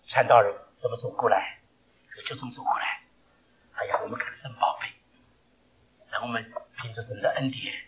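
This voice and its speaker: A man preaching a sermon, telling stories and asking rhetorical questions, swinging between loud and hushed delivery. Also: medium pitch, poor audio.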